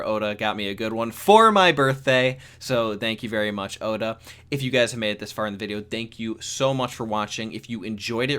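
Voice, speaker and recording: A young man chatting casually in a solo manga review, rambling with many restarts and growing excitable. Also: on the low side. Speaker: YouTube manga commentator.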